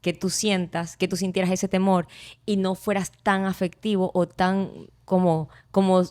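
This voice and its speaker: A woman hosts a conversational interview, talking at length. Her voice sits a little low for a woman. She quotes others with lively shifts in her voice. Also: normal speed. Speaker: podcast host.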